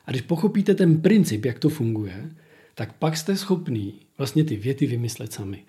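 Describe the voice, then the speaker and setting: A man's voice: mid-range voice, very animated, dark tone. A man, a relationship coach, talking in a podcast conversation, explaining and acting out quoted phrases.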